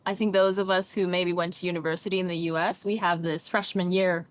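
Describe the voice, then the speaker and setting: Her pitch fairly low and her pace brisk, a middle-aged Chinese therapist and coach appears as an interview guest. She reflects thoughtfully and animatedly in English with a slight American lean, regularly asking "right?".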